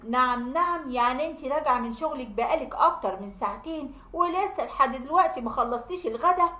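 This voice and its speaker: A woman's voice: sits high, expressive, quick pace, sharp tone. A woman voicing a mild young Egyptian husband who soothes and coaxes his wife. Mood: coaxing. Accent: Egyptian Arabic. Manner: coaxing, soothing. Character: placating young husband, mild and smooth-talking. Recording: roomy echo.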